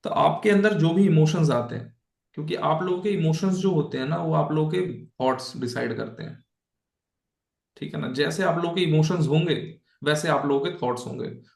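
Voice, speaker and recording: Leading a casual online lesson, a Bhagavad Gita teacher talks in a conversational way, checks in with his listeners often, and works English phrases into his speech. His voice is on the high side and creaky, at a moderate pace, with a reverberant sound.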